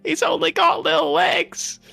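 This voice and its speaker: Sweary gravel-edged player at a game table. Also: very high-pitched, fairly even intonation, measured pace, pushed and bright, no echo, soft background music. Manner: sweary, blunt. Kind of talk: in-character tabletop role-play and casual table chat.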